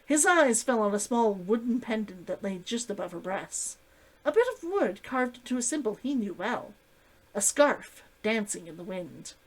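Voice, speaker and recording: A woman reads prose fiction aloud as a storyteller. Her delivery is dramatic and animated, with a very lively pitch that moves freely around a medium register. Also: moderate pace, rough recording. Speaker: streamer reading a novel aloud.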